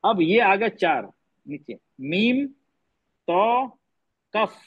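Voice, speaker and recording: Male tajweed teacher, high voice, patient and repetitive, dull lo-fi class audio. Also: sing-song, drawn-out words, slightly rough. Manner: patient, repeats points, quizzes students; mixes English words into speech. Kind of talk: online class lecture. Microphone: online class audio.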